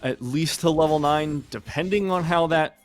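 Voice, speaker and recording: A man giving chatty, joking color commentary on a high school esports match. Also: moderate pace, faint music behind. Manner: chatty, joking, laughs often.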